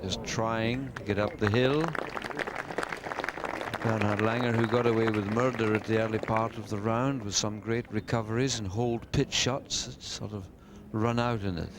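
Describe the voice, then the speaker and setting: A man's voice: lowish voice, steady tone, moderate pace. A man giving descriptive live golf commentary in an understated, conversational way. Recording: noisy outdoor sports broadcast.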